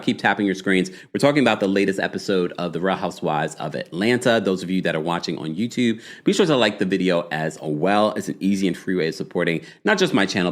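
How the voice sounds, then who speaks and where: A man whose voice sits low is animatedly gossiping through a live, casual recap of a reality show, making quick asides to his chat along the way.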